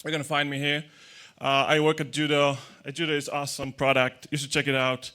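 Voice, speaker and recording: This conference speaker, a man with a slightly high, sharp voice, talks briskly and with a flat delivery. Gripping a handheld mic in a big darkened hall before an audience, he gives a chatty, joking tech talk marked by hesitant restarts and non-native grammar.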